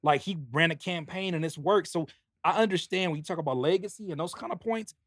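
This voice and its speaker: A man's voice: on the high side, fast, a bit bright, no echo, studio quality. A man, a rapper and producer guesting on a podcast, earnestly and animatedly explaining his album pre-order bundle. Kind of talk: casual podcast chat.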